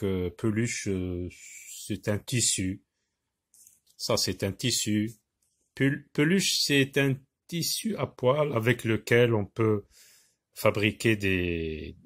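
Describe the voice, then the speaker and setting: A man explaining a reading lesson, halting with many fillers and restarts, sounding out syllables aloud. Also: mid-range voice. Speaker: teacher. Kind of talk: recorded lesson for teachers.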